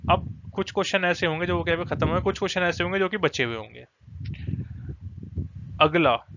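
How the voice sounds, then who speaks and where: A man's voice: on the high side, a bit bright, dull audio, slight background noise. A man teaching an exam prep lesson, explaining directly and mixing English terms into his Hindi.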